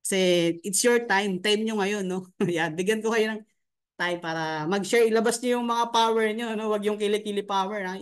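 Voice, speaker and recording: A man's voice: high voice, fairly even intonation, a little fast, clean tone. A man hosting a motivational online meeting as a coach, upbeat and preachy, with constant tag questions. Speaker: host and coach.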